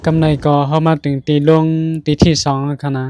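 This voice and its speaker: A man with a Shan accent narrating his own travel vlog in an even tone. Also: on the high side, fairly quick, a little hiss or hum. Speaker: vlogger.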